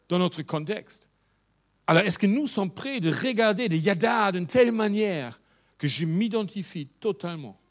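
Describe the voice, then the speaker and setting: Earnest male pastor with a German accent, high-pitched voice, halting sermon delivery. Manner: earnest, halting with restarts, mixes in English phrases.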